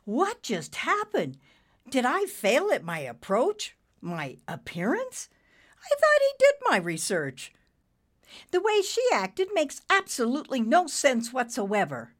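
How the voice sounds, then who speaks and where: A woman's voice: high-pitched, sing-song, measured pace, voice pushed up. A woman voicing an eager, earnest male cloud angel in a storybook reading. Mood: bewildered.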